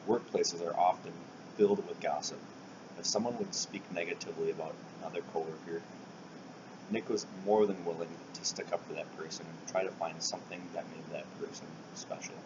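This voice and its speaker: Casting: male eulogist, very deep voice, solemn scripted reading with soft trailing phrase ends, captured in dull lo-fi sound. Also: steady tone, a little fast. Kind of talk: prepared eulogy speech. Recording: dull lo-fi recording, loud air-conditioning hiss.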